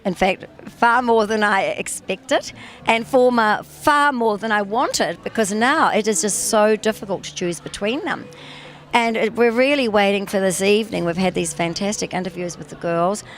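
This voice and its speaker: A woman's voice: medium pitch, moderate pace. A woman gives reflective interview answers as a pageant judge.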